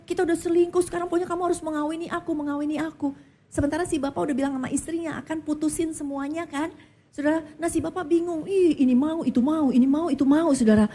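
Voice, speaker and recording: A woman pastor preaching a sermon, telling stories in an animated way and often calling out to her listeners. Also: on the high side. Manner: animated storytelling, addresses listeners as "saudara".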